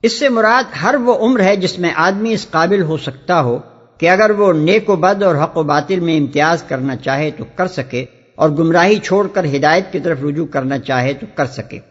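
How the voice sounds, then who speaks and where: A man reading scripture commentary in a measured, formal way. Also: on the high side. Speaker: commentary reader. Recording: dull, long reverb.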